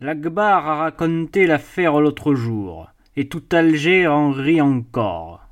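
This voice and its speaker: A man's voice: on the high side, lively intonation, slow pace. A man doing a jovial mocking sea captain. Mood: mocking amused.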